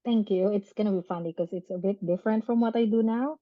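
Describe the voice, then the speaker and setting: A chatty, animated woman, a podcast guest who laughs often and adds tag questions. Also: mid-range voice, quick pace, no room sound, dull audio. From Philippines. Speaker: podcast guest, business owner. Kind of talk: casual interview chat.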